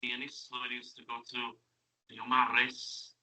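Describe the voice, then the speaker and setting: Bright-voiced man, chatty. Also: mid-range voice, monotone, unhurried, low-quality recording. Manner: friendly, chatty, asks lots of tag questions. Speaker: guest. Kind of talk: casual interview chat. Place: classroom radio studio.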